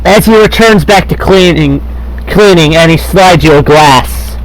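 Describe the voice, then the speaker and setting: A man's voice: on the high side, measured pace, poor audio. A man acting as game master, improvising casual narration for a tabletop role-playing session.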